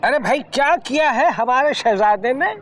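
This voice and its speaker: An actor playing a flustered police commissioner husband, exclaiming and protesting in broad television comedy style. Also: male voice, very high-pitched, animated, normal speed, a bit bright. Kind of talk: broad television sitcom acting.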